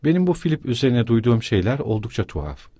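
A man's voice: medium pitch, very animated, warm tone, dry recording, clean studio sound. A man reading the lines of a proud young woman, speaking coldly and firmly. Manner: cold, firm, measured.

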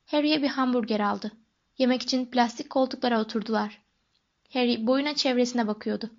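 A woman narrates an audiobook in an even, measured storytelling manner. Her voice sits fairly high. The recording sounds dull and lo-fi.

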